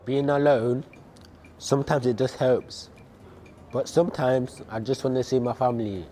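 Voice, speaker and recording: A young man performing spoken word poetry in a quiet, introspective recitation. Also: medium pitch, fairly even intonation, moderate pace, a little hiss or hum. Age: young adult.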